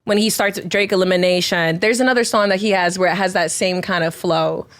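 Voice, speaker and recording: A woman's voice: on the low side, steady tone, brisk, fairly bright tone. A woman guest on a podcast, talking casually and enthusiastically and laughing often. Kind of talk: casual chat.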